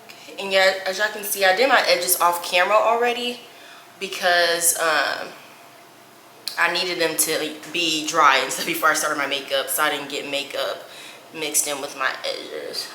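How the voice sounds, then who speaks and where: A beauty vlogger in her twenties from Indianapolis, USA, chats casually while doing her makeup, saying "y'all" and "like" a lot. Her voice is low-pitched, steady, bright and forceful, at a moderate pace. The rough recording has an echoey room and a little hiss or hum.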